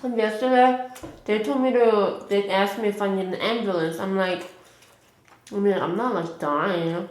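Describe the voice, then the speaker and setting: A young woman chats casually while eating on camera. She rambles and fills her pauses with 'like' in a mid-range voice. The room around her echoes noticeably. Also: mid-range voice, darkish tone. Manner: rambling, heavy use of 'like'. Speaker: mukbang vlogger.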